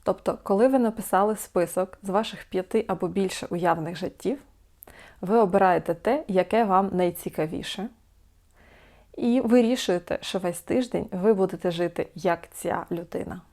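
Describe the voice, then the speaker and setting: A woman talking to camera in a self-help video, calm and coaching, asking the listener many questions. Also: mid-range voice, moderate pace. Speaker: support group host.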